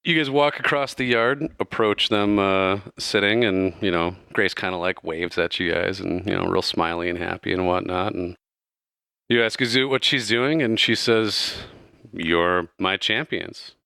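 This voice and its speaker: A man's voice: fairly low pitch, moderate pace, vocal fry, sharp tone, clear, resonant tone, no room sound, studio quality. A man narrating a tabletop game as game master, in a loose, casual way full of fillers.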